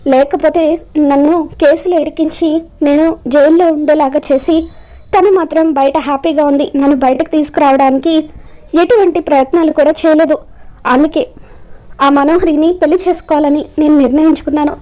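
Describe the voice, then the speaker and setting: Woman doing a resentful young man in a serial recap, high and soft-toned. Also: steady tone, moderate pace, lightly acted. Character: vengeful young man out of jail, scheming.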